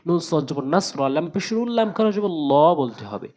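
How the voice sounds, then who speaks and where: A man's voice: high-pitched, sing-song, warm tone. Man spelling out Arabic syllables. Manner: drills syllables slowly, letter by letter, then repeats whole words. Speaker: Quran recitation teacher. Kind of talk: spoken tutorial with slow spelled-out recitation.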